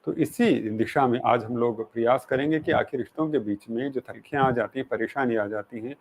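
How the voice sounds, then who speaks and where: Brief: male talk-show host, formal and measured, mid-pitched voice. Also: slight background noise. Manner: measured, recites Urdu poetry, polite formal address. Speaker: interview host.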